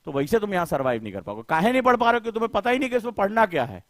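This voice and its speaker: Coaching teacher guy, high voice, fired up, asks students question after question, dry close sound. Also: very animated, rapid-fire, no room sound. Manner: impassioned, rhetorical questioning; colloquial, addresses students directly. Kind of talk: live online lecture.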